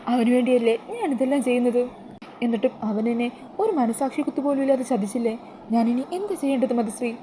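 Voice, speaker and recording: A woman's voice: a little high, fast, dark tone, slight background noise, close to an everyday voice. A woman voicing a heartbroken young woman who pleads through tears. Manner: sobbing, pleading questions.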